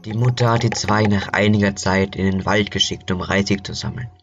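A man's voice: fairly low pitch, steady tone, brisk, muffled recording, soft background music. A man narrating a fairy tale in a plain, conversational storytelling style.

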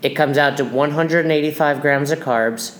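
A man's voice: fairly high pitch, normal speed, background noise. A man hosting as a nutrition coach, explaining things in casual, instructional talk.

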